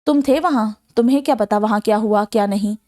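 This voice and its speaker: A man's voice: sits high, mellow, lightly acted. A woman voicing an angry, vengeful young man from a novel, bitter and scornful in manner.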